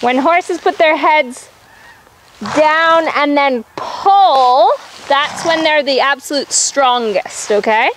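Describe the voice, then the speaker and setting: Female riding coach, very high pitch, unhurried delivery of brisk projected commands, encouraging and firm, light background noise of a riding arena. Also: a bit bright. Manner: encouraging, firm, repeats short instructions. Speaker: horse riding instructor.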